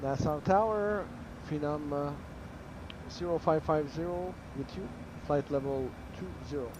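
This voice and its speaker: A man's voice: on the high side, measured pace. A man making hesitant pilot radio calls to air traffic control into a cockpit headset mic. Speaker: flight simulator player acting as pilot. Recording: loud engine and cockpit noise behind.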